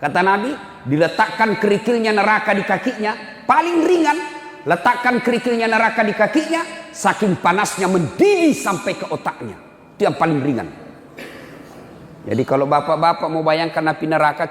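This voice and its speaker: Brief: middle-aged male preacher, emphatic and teasing, a bit high-voiced, long hall reverb. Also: fairly bright tone. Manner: emphatic, teasing, directly addresses listeners. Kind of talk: lively sermon with storytelling.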